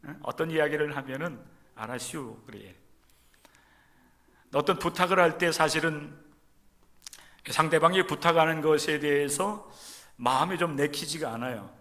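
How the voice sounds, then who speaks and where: A man from Chungcheong preaching a sermon in church, addressing the congregation directly and moving between loud, emphatic stresses and soft, near-whispered lines. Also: on the high side, normal speed, long pauses. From Chungcheong region, Korea. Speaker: pastor. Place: church sanctuary during a service.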